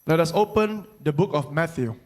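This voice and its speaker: Male church interpreter, slightly high voice. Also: expressive. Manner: quick literal renderings, loose grammar. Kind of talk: line-by-line sermon interpreting.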